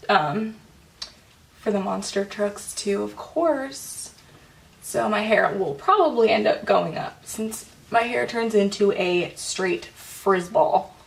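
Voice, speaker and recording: A woman's voice: medium pitch, slow pace, vocal fry, distant mic. A young woman chatting casually through a makeup tutorial at home, full of "like" and "um" fillers. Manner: chatty, filler-heavy, says "like" often. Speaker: beauty vlogger.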